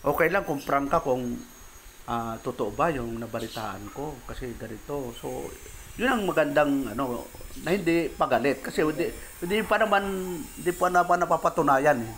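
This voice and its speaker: A man from the Philippines preaching in a relaxed, conversational way. He reads scripture in English, then talks it through in plain everyday Tagalog. His voice sits at an ordinary pitch, and there is a faint hiss of background noise. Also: moderate pace. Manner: reads English verses then explains in Tagalog, addresses listener directly. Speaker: pastor. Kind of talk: conversational sermon.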